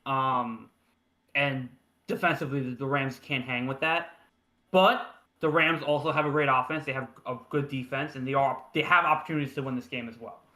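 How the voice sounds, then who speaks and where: A man's voice: mid-range voice, steady tone, normal speed, pushed and bright, reverberant. A man co-hosting a sports podcast, chatting casually with frequent restarts and filler words. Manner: stammering restarts, lots of "like" and "right?".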